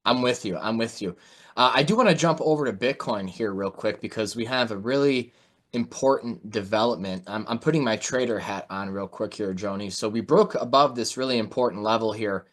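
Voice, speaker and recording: Speaking over a video call, this man hosts an online interview and offers conversational market analysis, sprinkling in "you know" often. His voice is lowish and a bit bright, and he talks a little fast.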